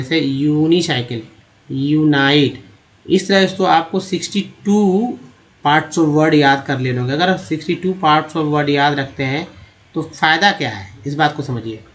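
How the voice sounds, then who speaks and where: A man teaching English reading from slides. He spells out letters and sounds out word parts, and he repeats himself often. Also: on the high side. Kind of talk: slide-based lesson.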